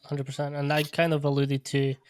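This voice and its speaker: A man from Portugal hosting a podcast, speaking in a measured, reflective way and often restarting his phrases. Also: on the high side, monotone, smooth, no echo. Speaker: podcast host. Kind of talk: casual interview conversation. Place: podcast studio.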